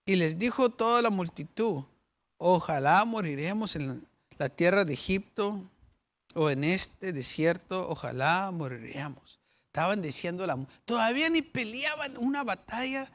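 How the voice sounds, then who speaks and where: A man's voice: high voice, fairly bright tone. A man preaching a sermon as a pastor, arguing through questions and acting out the complaining people's voices. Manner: acts out the doubting people's voices with questions and rebuttals.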